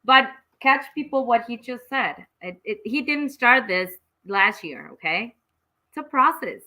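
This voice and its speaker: A woman's voice: on the high side, animated, a little slow, bright, forceful tone, rough recording. A woman hosting an interview, chatty and enthusiastic, reacting with exclamations and talking openly about her own goals. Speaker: host. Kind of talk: casual interview chat.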